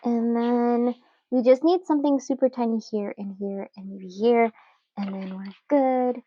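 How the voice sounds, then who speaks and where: A young woman chatting casually while she journals at home, relaxed and giggly, with lots of fillers. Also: fairly high pitch, unhurried, no echo, muffled recording. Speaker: journaling channel host.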